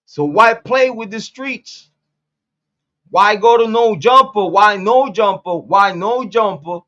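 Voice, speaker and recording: A man's voice: sits high, lively intonation, takes it slowly, sharp tone, lo-fi sound. A man in his late forties from Puerto Rico, hosting a casual commentary monologue in a blunt, profane way, repeating phrases for emphasis. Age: 40s. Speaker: commentary channel host.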